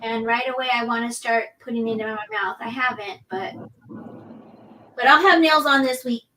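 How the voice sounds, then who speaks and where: A woman's voice: on the high side, moderate pace, pushed and bright, far from the mic, slight background noise, rough recording. A woman guest on a craft livestream, chatting in a friendly way and laughing easily. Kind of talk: casual chat on a live stream.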